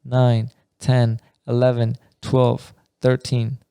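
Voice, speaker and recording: A man's voice: medium pitch, completely flat delivery, takes it slowly, gravelly, dark tone, smooth, no echo. A man in his twenties, from Afghanistan, co-hosting a podcast in casual chat, laughing often and telling stories in loose slang. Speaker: podcast co-host.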